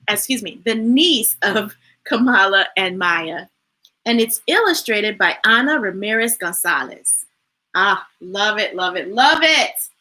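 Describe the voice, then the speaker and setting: A woman's voice: on the high side, pushed and bright. A woman reading picture books aloud to children, enthusiastic and chatty. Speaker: children's story reader. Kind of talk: storytime read-aloud.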